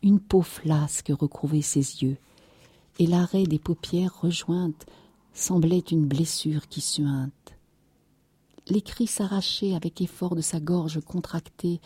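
Low, dark-voiced woman narrator. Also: slightly rough, no room sound. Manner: measured, even reading. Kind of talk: audiobook reading of a novel.

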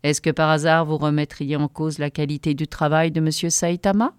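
A woman voicing a furious, obese male company vice-president who shouts slowly and with contempt. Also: sits low, fairly even intonation, clear, resonant tone, no room sound, clean studio sound, lightly acted. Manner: slow, bellowing, contemptuous.

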